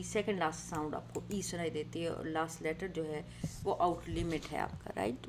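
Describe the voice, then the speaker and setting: A woman's voice: lowish voice, darkish tone, slight background noise. A woman teaching an Arabic grammar lesson, explaining patiently, mixing in English words and often checking with "right?".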